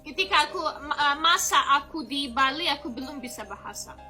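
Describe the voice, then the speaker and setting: A woman's voice: high-pitched, animated, a little fast, sharp tone. A woman from Russia with a Russian accent chats casually in simple Indonesian as a foreign learner. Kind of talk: casual chat. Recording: music playing behind.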